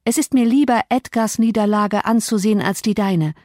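A woman putting on a fiery young woman, imperious, cutting, raised pitch, dry close sound, audiobook. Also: normal speed, darkish tone, dry recording, close to an everyday voice. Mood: urgent. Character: proud, fiery young woman, scornful and volatile. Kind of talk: audiobook character reading.

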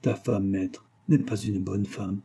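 A man's voice: fairly low pitch, fairly even intonation, slow pace, dark tone, slightly rough, exaggerated voice. A man voicing a blunt, reproachful old nursemaid in a read-aloud novel.

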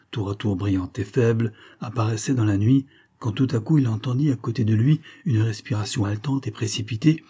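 A man narrating a novel as an audiobook with a steady, dramatic reading. His voice sits low and dark, with a slightly husky grain. The delivery is measured and even. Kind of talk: scripted narration.

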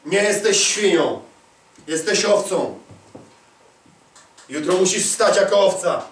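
A man's voice: sits high, a bit bright, recorded from a distance. A man preaching an emphatic sermon, repeating lines and calling for answers from the crowd. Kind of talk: charismatic sermon. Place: large hall at a church conference. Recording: echoey hall, voice away from mic.

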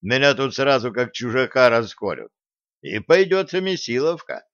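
A man voicing a tough, phlegmatic male admiral in a sci-fi audiobook, speaking calmly and gruffly. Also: medium pitch, normal speed, no room sound. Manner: calm, gruff, dry. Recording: dull lo-fi dry recording.

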